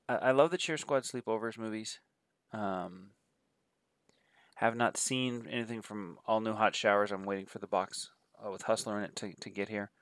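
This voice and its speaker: Nasal from a cold, this man reviews adult films in a loose, rambling way, reeling off titles amid plenty of fillers. His voice is lowish and a bit bright, recorded with no room sound.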